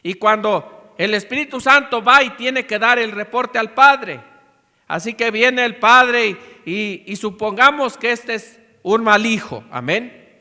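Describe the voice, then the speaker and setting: A man's voice: extremely high pitch, measured pace, sharp tone, in a large hall. A man from Mexico, a pastor preaching a sermon, punctuating his points with amens and acting out little dialogues. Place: church hall.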